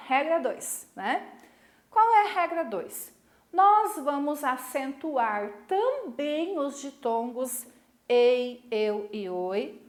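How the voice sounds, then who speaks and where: A Brazilian woman teaching a recorded middle-school lesson. She explains slowly, stretches key syllables, and keeps checking in with her students. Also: high-pitched, reverberant. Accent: Brazilian Portuguese.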